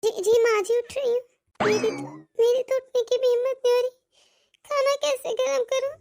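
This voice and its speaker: A woman's voice: extremely high pitch, level tone, moderate pace, darkish tone. Woman voicing a timid, stammering young bride. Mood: frightened. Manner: stammering, tearful pleading. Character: young abused daughter-in-law, timid and pleading. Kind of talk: cartoon voice acting.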